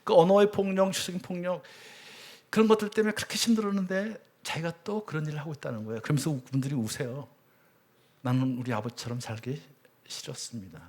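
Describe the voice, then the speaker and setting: A middle-aged man preaching a sermon as a church elder, telling stories with sudden swings between loud cries and hushed words. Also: high voice, fast talker. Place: church sanctuary.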